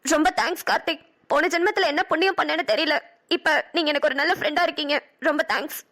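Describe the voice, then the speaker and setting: A woman's voice: fairly even intonation, fast. A woman voicing a heartbroken young woman in a cartoon drama, speaking in a pleading, sobbing way. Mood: grateful. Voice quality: high bright girlish voice. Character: heartbroken young woman Kanmani, tearful and hurt.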